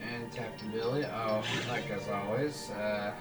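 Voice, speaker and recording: A gaming channel host with a lowish voice gives casual let's-play commentary, speaking slowly and haltingly in a steady tone as he thinks aloud and restarts sentences. He is far from the mic in an echoey room, and game music is clearly audible behind him.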